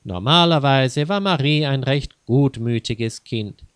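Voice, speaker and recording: A man reads a children's story aloud at a slow, measured pace. His voice is smooth and clear. The recording is dry and close, with no room sound. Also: medium pitch, no room sound. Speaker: narrator.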